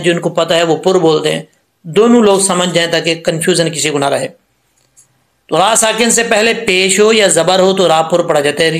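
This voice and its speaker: Patient high-voiced male Quran tutor, echoey room. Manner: patient, repeats and drills syllables slowly. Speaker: Quran recitation teacher. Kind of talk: tajweed lesson explaining letter sounds.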